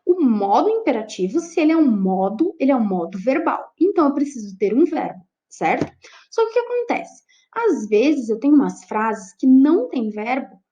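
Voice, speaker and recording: A woman's voice: high-pitched, mellow. A Brazilian woman teaching an online class. She explains step by step and keeps checking in with her students. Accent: Brazilian Portuguese. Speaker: Portuguese teacher. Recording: dull lo-fi recording.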